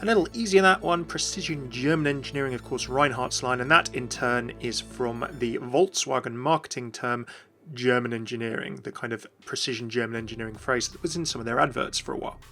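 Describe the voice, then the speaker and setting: Speaking briskly in a bright, forceful mid-range voice, a male video presenter gives explanatory fan commentary aimed straight at his audience. Faint light music sits beneath the voice-over.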